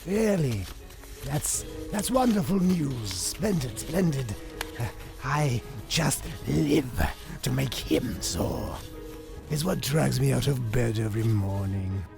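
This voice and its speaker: The Joker, creaky and taunting. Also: male voice, medium pitch, animated, slow pace, darkish tone, faint music behind. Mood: gleeful menace. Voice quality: gravelly, creaky. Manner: drawling, mock-friendly, toying, menacing. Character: theatrical, taunting psychopathic clown crime boss. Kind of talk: motion comic voice acting.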